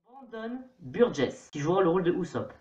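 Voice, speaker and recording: A young man in his late teens, a youtuber from a Portuguese-Brazilian family background, chats casually to camera in a playfully self-mocking way. His voice is high and sing-song at a moderate pace, with a darkish tone. The sound is roomy and lo-fi, with faint music playing behind him.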